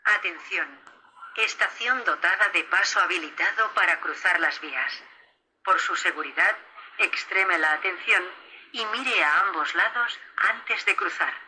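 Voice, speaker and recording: A woman reading a formal recorded safety announcement in a measured, even way, heard over a train PA system. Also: fairly low pitch, a little hiss or hum, poor audio. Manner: measured, formal, evenly paced.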